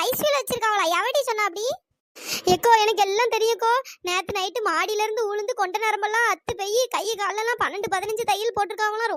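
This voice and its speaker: Chipmunk-high gossiping women. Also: no echo. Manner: excited, gossipy, rapid chatter. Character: chattering gossiping village women neighbours. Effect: sped-up high-pitched cartoon voice.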